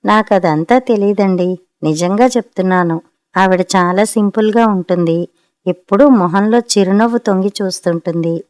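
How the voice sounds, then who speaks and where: A woman voicing a gentle, patient wife who answers her husband mildly in a storybook reading. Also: medium pitch, moderate pace, no echo, studio quality, lightly acted. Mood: mild pleading. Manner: pleading and mild.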